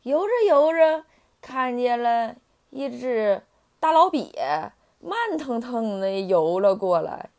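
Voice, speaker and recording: A woman narrating a children's story in an animated, singsong way. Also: on the high side, slow, creaky.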